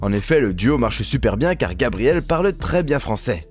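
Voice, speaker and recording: A man's voice: mid-range voice, big pitch swings, moderate pace, darkish tone. A man doing humorous scripted voice-over commentary, teasing and mock-indignant as he addresses viewers directly. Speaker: video host and narrator.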